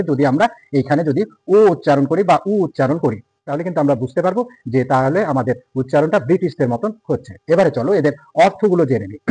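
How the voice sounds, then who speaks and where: A man's voice: fairly high pitch, darkish tone, slightly rough, no room sound, low-quality recording. A man teaching an English lesson, patiently repeating words and counting aloud. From India. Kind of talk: classroom lesson explaining pronunciation.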